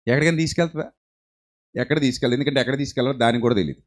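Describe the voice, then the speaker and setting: A man preaching a sermon who swings between loud emphasis and hushed storytelling, asks rhetorical questions and mixes English phrases into his speech. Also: medium pitch, rapid-fire.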